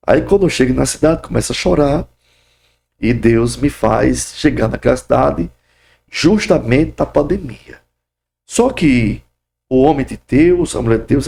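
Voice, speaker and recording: Middle-aged pastor, gravelly voice, fervent, breaks into praise shouts mid-story. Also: male voice, medium pitch. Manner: fervent, bursts of "glória" and "aleluia". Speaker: pastor, podcast guest. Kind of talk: testimony in a podcast interview.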